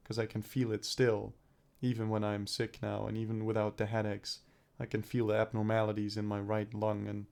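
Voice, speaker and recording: A young male vlogger, getting over a cold with his throat clearing up, rambles and swears as he thinks aloud in a personal video diary. His voice sits on the low side, with vocal fry and a darkish tone.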